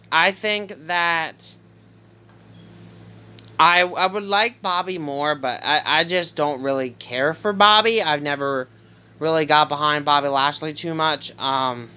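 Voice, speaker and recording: Casual vlogger, hesitant, lots of ums and restarts, sharp bright tone. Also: medium pitch, clean tone. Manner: hesitant, frequent ums and self-corrections. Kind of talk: casual wrestling prediction talk.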